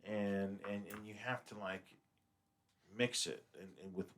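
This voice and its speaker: A man's voice: on the low side, steady tone, unhurried, fairly bright tone, slight background noise. A man in his fifties hosting a casual radio talk show, rambling with many stammered restarts. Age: 50s. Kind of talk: casual studio chat.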